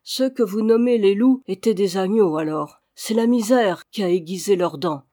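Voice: medium pitch, moderate pace, dark tone, close to an everyday voice. A reader voicing Dame Goton, a stern old housekeeper. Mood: stately. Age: over 60. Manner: dignified, authoritative. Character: stern old female housekeeper, pipe smoker.

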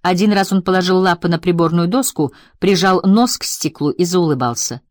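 A woman narrating an audiobook in a measured, even storytelling manner. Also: fairly low pitch, dry recording, studio quality. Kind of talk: scripted narration.

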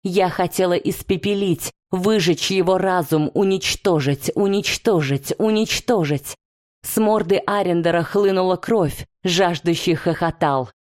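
A woman's voice: fairly low pitch, unhurried, few pauses. Woman reading a fantasy audiobook intensely. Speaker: audiobook narrator. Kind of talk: first-person fantasy audiobook narration.

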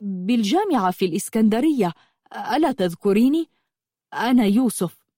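A woman's voice: on the high side, animated, fairly quick, dark tone, no room sound, clean studio sound. A woman voicing a lovesick, bewildered young male student in an audiobook story, speaking earnestly and explaining himself.

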